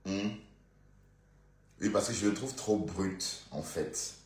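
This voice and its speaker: A man with a Bandundu Congolese French accent rambles through casual gossip on a live stream, peppering it with fillers and asides to his viewers. His voice sits low. The room around him is echoey. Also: slow, a little mellow.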